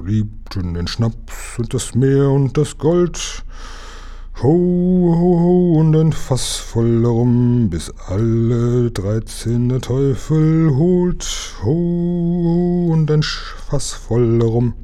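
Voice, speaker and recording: A man's voice: mid-range voice, lively intonation, mellow, pitched above the performer's own voice. A man singing as rowdy jeering pirates. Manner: slow jeering sea shanty singing.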